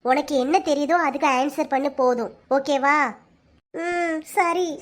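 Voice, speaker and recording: A woman with a Kanyakumari Tamil accent voicing quarrelling sisters and other characters in a cartoon, quick, scolding and teasing. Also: sits high. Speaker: cartoon narrator and voice actor. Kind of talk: cartoon voice acting, all characters.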